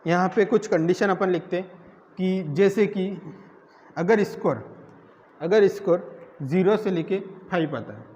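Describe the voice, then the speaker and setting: High-voiced teacher, echoey room. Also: male voice, unhurried, pauses often, darkish tone. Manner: repeats questions to students and answers them himself. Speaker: nursing exam teacher. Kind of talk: classroom lecture. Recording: echoey room, dull lo-fi sound, faint noise.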